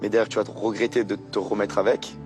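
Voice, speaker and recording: Quick, low-voiced young man advising. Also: flat delivery. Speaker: reality show contestant. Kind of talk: casual advice to a friend. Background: music bed.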